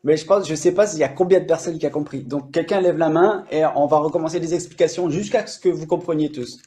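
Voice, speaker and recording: A man's voice: fairly high pitch, fairly even intonation, fast talker, warm tone. A French-speaking man hosting a language-learning live stream, explaining casually with many fillers and restarts.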